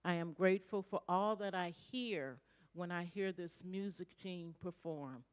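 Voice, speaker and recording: A woman leading a slow, calm gratitude prayer in a church, repeating her thanks line by line. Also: lowish voice, clean tone. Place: church sanctuary.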